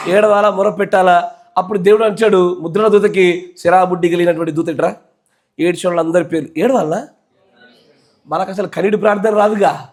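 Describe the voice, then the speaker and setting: A male pastor with a Telangana Telugu accent preaching a sermon in church, keeping the congregation engaged by repeatedly asking them questions and pressing them to answer yes or no. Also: high voice.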